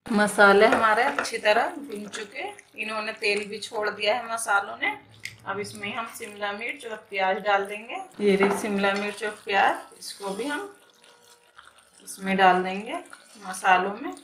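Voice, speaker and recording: A woman who hosts a home cooking channel, calmly explaining each step of a recipe as she cooks in her kitchen. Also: mid-range voice, measured pace, background noise. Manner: calm, plain step-by-step explaining with repeated phrases. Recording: echoey kitchen with cooking sizzle. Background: frying sizzle and stirring clicks.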